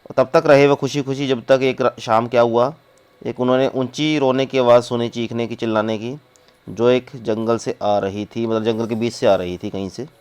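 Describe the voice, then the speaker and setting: A man, teaching a class by reading a story aloud slowly and explaining each line in Hindi. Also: mid-range voice, fairly even intonation, darkish tone, clean tone. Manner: reads English slowly, then explains in Hindi.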